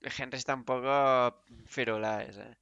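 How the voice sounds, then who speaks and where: A young man with a Spain Spanish accent giving casual let's-play commentary, swearing, laughing and exclaiming loudly. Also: mid-range voice, fairly even intonation, measured pace, lo-fi sound. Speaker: gaming youtuber.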